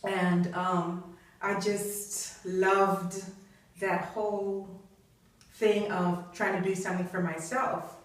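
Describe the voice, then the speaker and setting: With a lowish, flat delivery and slow pace, this middle-aged Trinidad and Tobago business professor answers questions in a conversational interview, reflective and often using fillers. A distant mic picks her up in an echoey room.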